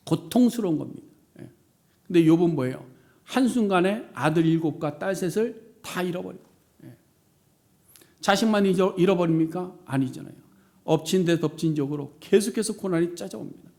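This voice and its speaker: Korean church pastor guy giving a sermon, high voice, kinda gravelly. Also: moderate pace. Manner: animated, acts out quoted laments with rising pitch and volume.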